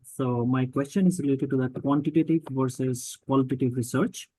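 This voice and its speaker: A man participant asks a question over a video call, soft-spoken and hesitant, with many fillers. His voice is mellow and dark, and the sound is dry. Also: medium pitch, steady tone, moderate pace, no room sound, low-quality recording. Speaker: summer school participant asking a question. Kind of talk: online Q&A.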